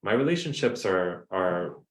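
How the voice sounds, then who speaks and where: Joining a podcast by video call, a guest coach with a New Jersey accent shares stories animatedly and earnestly in a relaxed conversation. His deep voice moves at an unhurried pace, and the audio has a roomy quality.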